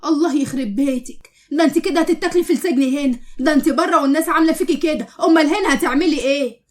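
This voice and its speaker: A woman's voice: high voice, very fast, close to an everyday voice. A woman with an Egyptian accent voicing a blunt but caring woman prisoner who scolds her cellmate. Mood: scolding. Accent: Egyptian Arabic.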